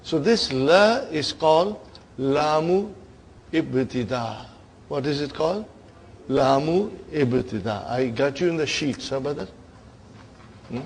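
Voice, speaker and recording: A male Arabic teacher giving a classroom lesson, speaking slowly and deliberately. His voice sits a bit high, and he keeps checking in with his students, calling them brothers and sisters. Faint ambient noise sits behind him. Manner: engaging, frequent "huh?" check-ins.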